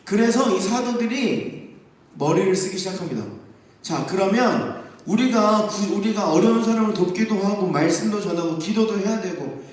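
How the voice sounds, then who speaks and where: A young man preaching to a youth group, telling the story lively and acting out the voices of the people in it. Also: sits high, moderate pace. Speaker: youth pastor. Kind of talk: youth sermon. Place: church sanctuary. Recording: echoey church hall, distant mic.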